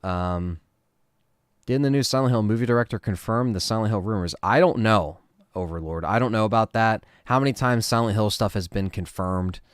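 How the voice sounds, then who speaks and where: A man hosting a casual livestream, answering chat questions in a relaxed, rambling way with lots of fillers. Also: fairly low pitch, moderate pace, clear, resonant tone, no room sound, clean studio sound.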